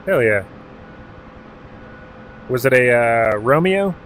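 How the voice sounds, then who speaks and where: Male streamer from Alaska, average pitch, easygoing chat with terse command callouts and casual swearing. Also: animated, takes it slowly, a bit bright, a little hiss or hum, rough recording. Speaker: game streamer. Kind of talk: casual live-stream chat while playing.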